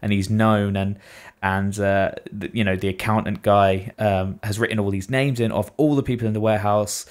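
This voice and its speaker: A man's voice: fairly low pitch, steady tone, moderate pace. A man co-hosting a casual podcast, retelling events animatedly and swearing freely. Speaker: podcast co-host. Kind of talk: casual chat.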